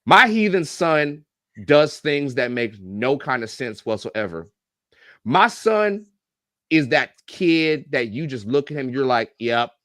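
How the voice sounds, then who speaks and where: Middle-aged male guest, lively joking storyteller with a salty mouth; mid pitch, dry recording. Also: slow, no room sound. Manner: animated, profane, joking storyteller. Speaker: guest, YouTube reactor and coach. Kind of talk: casual podcast storytelling.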